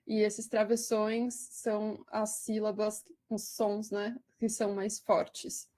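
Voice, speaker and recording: Slow, hesitant woman lecturing. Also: mid-range voice, completely flat delivery, mellow. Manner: slow, hesitant, with many fillers. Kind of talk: poetry lesson with slide commentary.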